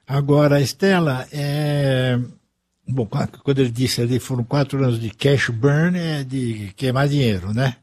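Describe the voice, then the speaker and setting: A man's voice: mid-range voice, measured pace, darkish tone. A man hosting a radio news show, asking a guest hesitant questions. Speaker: radio host. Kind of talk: radio interview.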